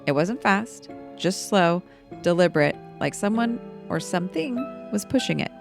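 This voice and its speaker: A woman voicing an unnerved female pub regular, reading her ghost tale in a hushed, quiet voice. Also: fairly low pitch, expressive, moderate pace, creaky, faint music behind. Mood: hushed spooky.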